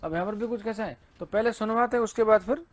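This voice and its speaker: A man's voice: high voice, fast. A male teacher giving an exam-prep lecture, asking and answering his own questions and reading English lines in a Hindi accent.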